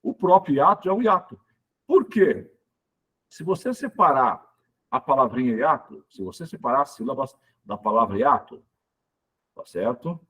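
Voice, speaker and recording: A man teaching an exam prep lesson, explaining step by step, loudly stressing each example word and checking in with his students. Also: mid-range voice, big pitch swings, moderate pace, long pauses, slightly rough. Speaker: Portuguese teacher.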